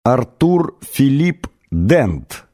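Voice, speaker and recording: A man's voice: on the low side, big pitch swings, measured pace, dark tone, slightly rough, full character voice. A man doing a curt, haughty alien. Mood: deliberate. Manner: curt, blunt insults.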